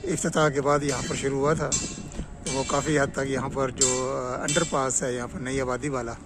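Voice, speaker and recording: A man with a Pakistani accent, vlogging outdoors at a roadside by construction works, gives a matter-of-fact, explanatory on-site road update. His voice is medium-pitched and level, at a moderate pace, with music in the background. Loud traffic, vehicle noise and outdoor ambience fill the recording.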